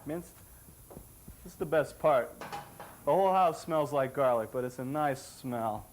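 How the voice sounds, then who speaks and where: A man's voice: mid-range voice, expressive, measured pace, a little hiss or hum. A man co-hosting a cooking demonstration on an old TV show, chatty and jokey, pleased with his own dishes. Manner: jokey, chatty, self-satisfied.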